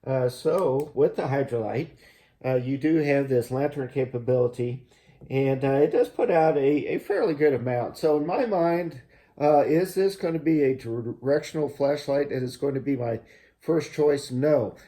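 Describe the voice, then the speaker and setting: A man hosting a casual gear review, explaining things in a halting, measured way. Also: medium pitch, warm tone. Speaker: host of a gear review channel. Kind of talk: casual product review to camera.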